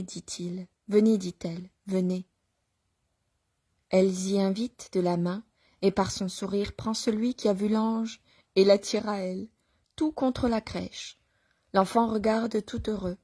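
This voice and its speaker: A woman reading a religious nativity story aloud at a measured pace, with pauses and small restarts. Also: medium pitch, a little mellow, no echo. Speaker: reader.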